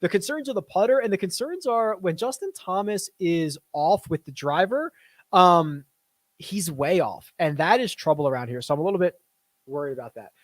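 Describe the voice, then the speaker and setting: A man's voice: high voice, animated, moderate pace, no echo. A man hosting a casual live stream, reading viewer questions aloud and answering off the cuff at his desk.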